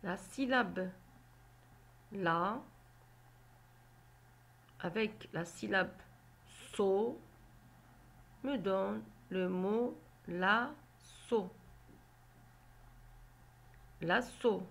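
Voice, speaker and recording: Woman doing a kids phonics lesson, super slow, sounding out syllables one by one, a bit gravelly. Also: mid-range voice. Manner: slow, deliberate, spelling out syllables. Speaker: teacher.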